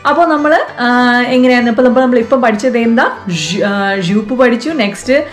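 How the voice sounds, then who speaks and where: A woman's voice: a little high, normal speed, soft background music. A woman with a Malayali accent hosting a casual lesson for children, chatty and coaxing, asking the viewer questions. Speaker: vlog host teaching French to kids.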